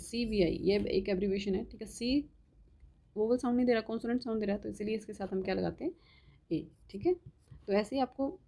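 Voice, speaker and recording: Her voice mid-range and mellow, a woman gives a grammar lesson to exam students, slowly spelling example words. She often asks "ठीक है?" and keeps answering her own questions to the class.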